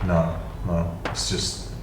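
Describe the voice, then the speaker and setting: Deep, monotone and slow, a British man hosting a gaming channel delivers casual, meandering commentary on his gameplay, laced with dry, self-mocking asides. The audio is noisy, with a distant mic in an echoey room.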